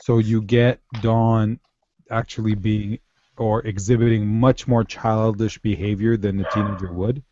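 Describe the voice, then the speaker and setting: A man co-hosting a casual fan discussion podcast, talking in halting, animated bursts with restarts. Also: on the low side, background noise. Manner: animated, halting restarts, quotes lines in a raised voice. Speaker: podcast co-host. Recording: dull lo-fi podcast audio.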